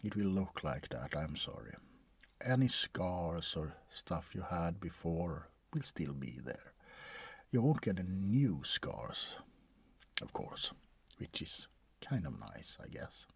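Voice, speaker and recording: Playing a jaded vampire physician centuries old for an ASMR roleplay, a man speaks in a deep, husky, breathy voice that frequently turns to a whisper. The performance is exaggerated, slow, deadpan and hesitant, recorded dry, and the mood comes across as clinical and mildly apologetic.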